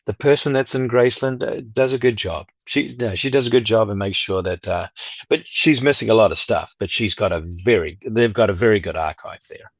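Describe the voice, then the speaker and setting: A middle-aged record collector and dealer, appearing as a podcast guest, talks at length in a fairly low voice and a slightly fast pace. He rambles casually through anecdotes, acting out what other people said. The studio sound is clean, with no room sound.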